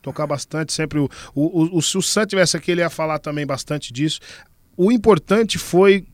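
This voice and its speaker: A man's voice: a little high, moderate pace, dry recording. A man from a samba band, talking casually in an interview, chatty and jokey with many fillers and repeated words. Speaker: band member.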